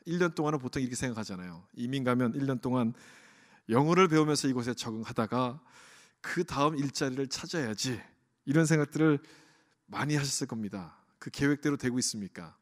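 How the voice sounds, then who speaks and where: A pastor preaching an earnest sermon to his congregation in a church, often asking them questions. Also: fairly high pitch. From Korea. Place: church sanctuary. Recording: long church hall reverb.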